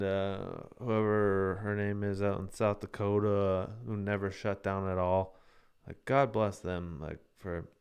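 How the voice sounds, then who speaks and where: A man with a somewhat low, smooth, resonant voice, hosting his own live-streamed show. He talks casually and rants in a heated, swearing way. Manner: heated, profane ranting. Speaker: livestream show host.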